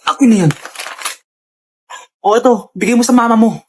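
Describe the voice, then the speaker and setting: High-pitched woman in skit banter. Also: moderate pace, a little hiss or hum. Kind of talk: acted comedy skit banter.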